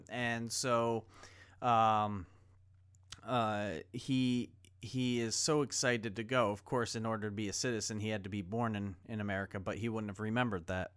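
A man's voice: mid-range voice, a bit bright, clean tone. A man preaching a sermon, reading scripture and then retelling a film scene in a conversational way. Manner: conversational storytelling, acts out quoted dialogue. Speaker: pastor.

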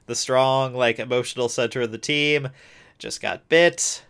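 A man's voice: mid-range voice, fairly even intonation, unhurried, a bit bright, clear, resonant tone. A man co-hosting a casual chat, giving wry, sarcastic summaries of a TV episode with many filler words. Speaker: podcast co-host.

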